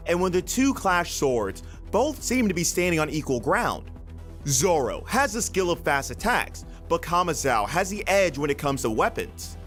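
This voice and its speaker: A man's voice: fairly high pitch, fairly bright tone. A man reading scripted countdown narration for a video list.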